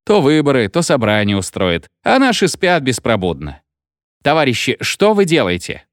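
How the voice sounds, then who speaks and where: A man voicing an indignant, rowdy crowd of male rail workers, shouting in a raised, strained voice. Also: medium pitch, wildly swooping pitch, normal speed, no echo, clean studio sound.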